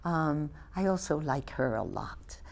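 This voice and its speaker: An elderly Belgian poet in her eighties reads her poems in English, not her first language, with a Flemish accent. She goes slowly and deliberately, soft and measured, sometimes nearly whispering. Her voice is deep with big pitch swings and vocal fry.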